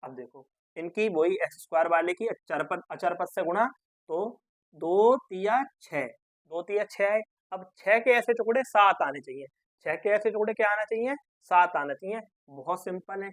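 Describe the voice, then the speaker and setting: A man's voice: high-pitched, a bit bright, no room sound. A man teaching maths step by step, coaxing his students and asking and answering his own questions. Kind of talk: step-by-step classroom explanation.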